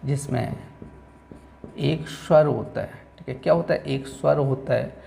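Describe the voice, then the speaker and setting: Gravelly guy teacher going over exam questions, keeps repeating answers. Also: mid-range voice, mellow, slight background noise. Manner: repeats answers with "ठीक है", reads questions slowly. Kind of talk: exam-prep lesson. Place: coaching classroom.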